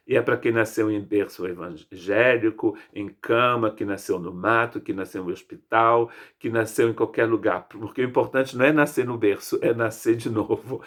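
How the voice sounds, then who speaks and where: A man in his fifties from Brazil with a Brazilian Portuguese accent, preaching a sermon as pastor in an emphatic way, stacking repeated phrases. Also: on the low side. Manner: emphatic, lists phrases in rising repetition. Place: church.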